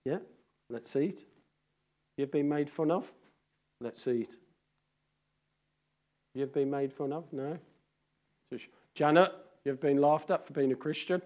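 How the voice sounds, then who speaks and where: A man preaches an informal sermon, his voice sitting a little high for a man. He teases the congregation by name and swings between loud calls and hushed asides. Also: fairly even intonation, moderate pace. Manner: chatty, teasing the congregation by name. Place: church hall among a congregation.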